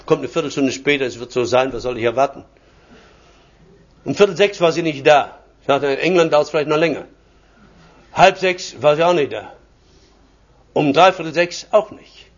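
Older guy preaching, high voice, tells funny stories and chuckles, dull lo-fi sound. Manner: anecdotal, chuckling storyteller. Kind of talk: personal sermon testimony. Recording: dull lo-fi recording.

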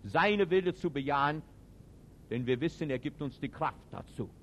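A male preacher giving a sermon, his voice sitting a little high and swinging widely in pitch. He speaks with emphasis and slightly non-native grammar, moving from forceful peaks to quiet, reflective passages. A faint noise hangs behind him. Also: expressive, normal speed, lo-fi sound. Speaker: preacher and teacher. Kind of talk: sermon to a live audience.

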